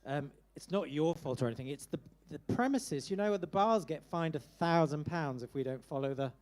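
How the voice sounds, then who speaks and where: A man's voice: on the high side, brisk, a little mellow. A man hosting a live musical theatre showcase in a small club, chatty and teasing with the performers. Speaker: host.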